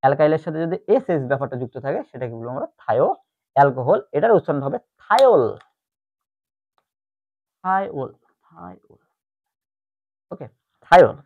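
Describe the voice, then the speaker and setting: A man's voice: a little high, big pitch swings, rapid-fire. A man teaching chemistry in an online lecture, explaining step by step and repeating the key terms. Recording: tinny phone-like audio.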